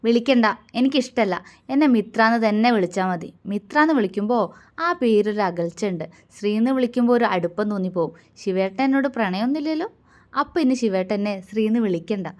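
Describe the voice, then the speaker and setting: A woman's voice: on the high side, fairly even intonation, a little fast, mellow, natural voice. Storybook: woman playing a hurt young wife, tearful but defiant. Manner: tearful yet defiant, scornful. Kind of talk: storybook reading.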